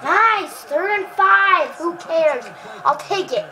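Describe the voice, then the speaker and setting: A woman giving excitable live commentary while playing a football video game, cheering and groaning at the plays and chatting to viewers. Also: very high voice, slow, low-quality recording.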